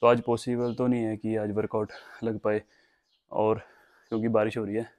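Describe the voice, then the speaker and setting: A man's voice: fairly low pitch, monotone, moderate pace, darkish tone. A young man chatting casually to camera in a home vlog, sounding tired after heavy work and giving viewers plain advice. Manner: casual, advising viewers directly. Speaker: fitness vlogger. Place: veranda of a house, covered, half outdoors.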